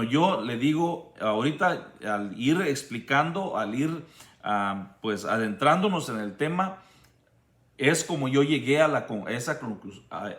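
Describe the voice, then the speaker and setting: A man giving a slow, measured Bible-study sermon, often restarting his sentences as he explains. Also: mid-range voice, fairly bright tone, roomy sound. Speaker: preacher.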